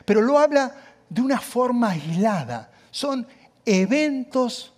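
A male pastor preaching a sermon, emphatic and conversational, with quick asides to the congregation. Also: very high voice, very animated, a little mellow.

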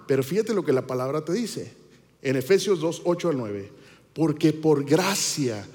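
A man's voice: fairly high pitch, a little mellow. A man preaching a conversational sermon, asking his congregation questions. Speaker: pastor. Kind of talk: sermon with stories and audience questions. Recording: long hall reverb.

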